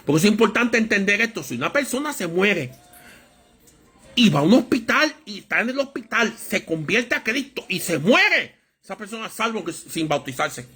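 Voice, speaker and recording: A man preaching a Bible study sermon, with a lively storytelling manner that acts out voices in anecdotes. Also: sits high, moderate pace, husky.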